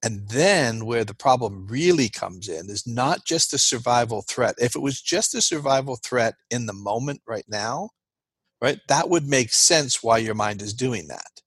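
Husky man explaining earnestly. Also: mid-range voice, lively intonation, measured pace, a bit bright, dry recording. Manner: earnest, explains with rhetorical "right?" checks. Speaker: guest expert. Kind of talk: explanatory interview talk.

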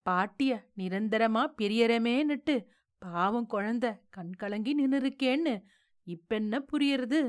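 A woman voicing a grieving, sharp-tongued old grandmother who scolds and pleads through tears, in a read-aloud story. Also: on the high side, lightly acted. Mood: sorrowful. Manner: scolding, pleading, tearful questioning.

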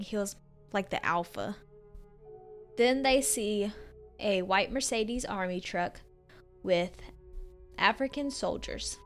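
A woman co-hosting a podcast, casually retelling a true story with fillers and acted-out quotes. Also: medium pitch. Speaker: podcast co-host.

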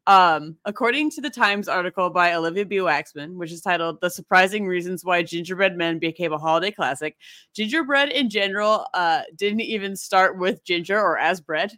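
A woman's voice: fairly low pitch, a little fast, a bit bright, no echo, clean studio sound. A woman co-hosting a podcast, rambling and giggly as she presents her research in casual chat. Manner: giggly, rambling, self-deprecating.

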